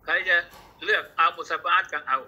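A man gives a religious book lecture in a high, very bright and husky voice. He explains each point, goes back over it, and quotes Arabic texts along the way. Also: brisk, muffled recording. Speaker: religious teacher.

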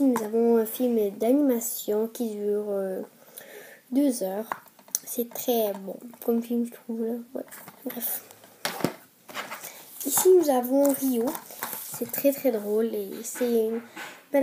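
A fairly high, mellow-toned woman with a Québécois French accent gives casual film reviews. She talks in a chatty, enthusiastic way and hesitates often with fillers. A faint noise sits behind her voice.

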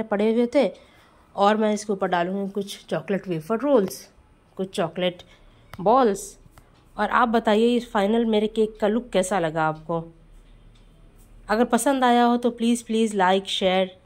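A woman home baker talks through her cake decorating in a casual voice-over. She is chatty and friendly, and she keeps speaking straight to her viewers as friends. Her pitch sits in an ordinary middle range. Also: darkish tone.

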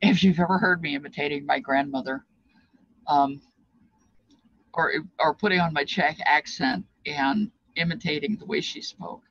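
Her voice sits low with a fairly bright tone and a moderate pace, and there's no room sound. An older woman past fifty, she explains feast dishes in an informal, rambling, reflective way with reminiscences, speaking indoors from a small, cluttered craft room into a desk-distance webcam that gives lo-fi sound.

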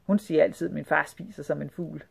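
Small sneaky boy, read by a woman, quiet inner thoughts for a storybook. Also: low-pitched, steady tone, gravelly, breathy edge, full character voice. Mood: scheming. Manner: quiet, muttering to himself.

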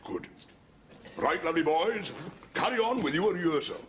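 An actor playing a scheming Welsh army sergeant major in a TV sitcom, who chuckles and calls the men lovely boys. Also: male voice, fairly high pitch, animated, moderate pace, noisy background, close to an everyday voice. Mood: mock-friendly. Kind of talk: 1970s TV sitcom acting.

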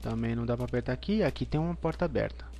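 A man's voice: medium pitch, very fast, warm tone, a little hiss or hum. Brazilian man, scared horror game streamer. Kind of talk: live gameplay commentary. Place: indoor room at home. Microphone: headset.

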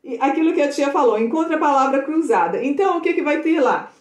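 A woman teacher with a Brazilian accent giving an online English lesson to children, reading lines aloud and translating them warmly. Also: high voice, lively intonation. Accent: Brazilian Portuguese. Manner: affectionate, slow and drawn out, reads English lines then translates. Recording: echoey room.

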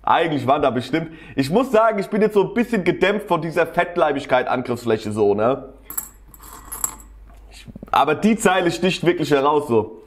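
A man's voice: a little high, lively intonation, normal speed. A man casually commenting on a rap battle as a tutorial host, slangy and enthusiastic, often laughing.

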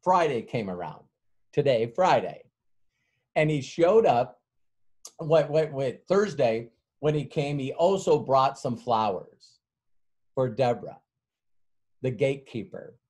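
Middle-aged male workshop speaker, mid-pitched, rambling storyteller, chuckles and fillers. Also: lively intonation, slow pace, pauses often, a little mellow, husky. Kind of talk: motivational sales workshop talk.

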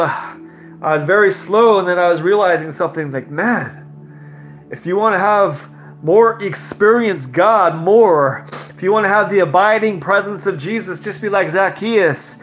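Male preacher, high voice, emotional testimony, laughs a lot, light music bed. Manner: laughing often, animated and emotional. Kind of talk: live-stream sermon with personal testimony.

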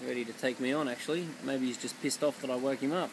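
A man, an aquarium keeper giving a relaxed, offhand explanation with fillers. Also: mid-range voice, fast, background noise. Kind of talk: casual on-site explanation.

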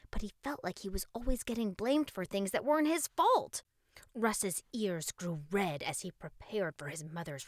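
A woman narrating a children's storybook in a playful, expressive way, with asides to the listener. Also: lowish voice, no room sound, clean studio sound.

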